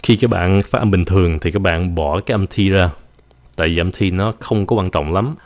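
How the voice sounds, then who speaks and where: A man with a very low voice teaches English vocabulary in a relaxed, chatty way. He stretches each English word out slowly for practice, then explains it quickly in his own language. The sound is dry and close. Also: dry recording. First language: Vietnamese. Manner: repeats words slowly to drill pronunciation, then switches to quick explanation. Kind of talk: casual teaching in Vietnamese with English examples.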